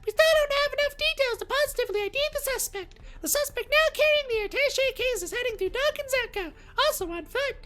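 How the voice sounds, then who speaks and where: A man voicing an old police commander as a squeaky, cute anime girl in falsetto, reading out game dialogue. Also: expressive, quick pace, hardly any pauses, loud music behind the voice. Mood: urgent, commanding. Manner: cute anime-girl streamer voice, barking orders over radio.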